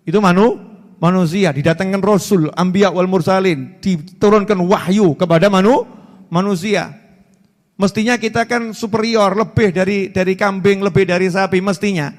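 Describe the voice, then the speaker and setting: A man in his forties with a Javanese-inflected Indonesian accent, giving an animated, joking sermon full of repetition. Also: sits high, normal speed. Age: 40s. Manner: animated, repetitive, jokey storytelling. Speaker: preacher. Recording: reverberant hall.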